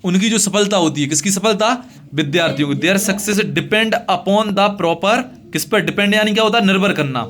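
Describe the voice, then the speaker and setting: A man with a high, slightly bright voice and a north-central Indian accent teaches a classroom English lesson, explaining it in Hindi. He reads English phrases slowly and deliberately, translating them bit by bit. He repeats himself a lot and poses questions that he then answers on his own.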